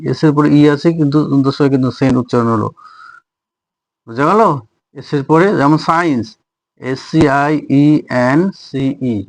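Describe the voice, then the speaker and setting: A man's voice: fairly high pitch, dry recording. A man teaching pronunciation, repeating each point and checking that students follow. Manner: repetitive, addresses students directly, checks understanding. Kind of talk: slow spoken lesson, spelling words out.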